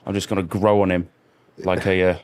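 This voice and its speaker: A man in his forties chats casually on a music podcast. His voice sits a little low, and he rambles, cracks puns and pokes fun at himself. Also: flat delivery, a little fast. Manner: jokey, rambling, self-deprecating, fond of puns. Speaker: podcast co-host, guitarist. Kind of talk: casual chat.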